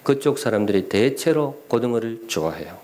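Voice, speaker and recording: Lively middle-aged pastor preaching. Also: male voice, mid-range voice, a little fast. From Gyeongsan, North Gyeongsang, Korea. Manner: lively preaching with questions and humor to the congregation. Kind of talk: sermon. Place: church sanctuary.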